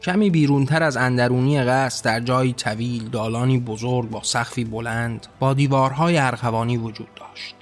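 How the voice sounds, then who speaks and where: A man narrating a dramatic storybook tale in a measured, theatrical way. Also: medium pitch, fairly even intonation, faint music behind.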